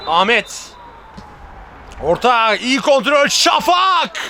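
A man giving excited football match commentary, repeating players' names. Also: very high-pitched, moderate pace, a little hiss or hum.

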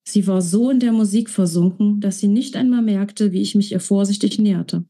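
A woman author reading aloud from her own romance novel in a calm, measured storytelling voice. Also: medium pitch. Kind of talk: audiobook-style reading.

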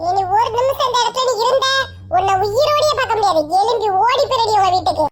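Bossy, taunting young husband with a Kanyakumari Tamil accent, voiced by a woman, high and quick. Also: expressive. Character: hot-tempered young husband.

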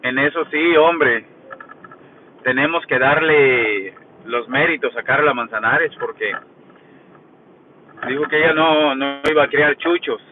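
A man's voice: medium pitch, unhurried, long pauses. Crude, joking Mexican man vlogging. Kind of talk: casual gossip monologue. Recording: tinny phone-like sound with faint noise.

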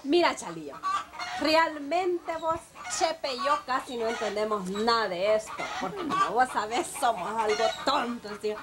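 A woman's voice: on the high side, expressive, moderate pace, a loud crowd, voice pushed down, close to an everyday voice. A woman voicing a simple-minded young male student, talking naively and earnestly.

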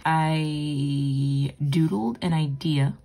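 Groggy, low-voiced young woman chatting casually. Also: fairly even intonation, very slow, vocal fry, dark tone. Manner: chatty, rambling, self-deprecating. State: groggy morning voice. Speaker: art vlogger. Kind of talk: casual narration while drawing.

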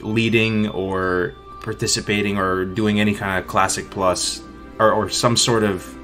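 Low-pitched host guy, long rambly questions, says you know a lot, faint music under him. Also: level tone, unhurried, a bit bright. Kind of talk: casual interview conversation.

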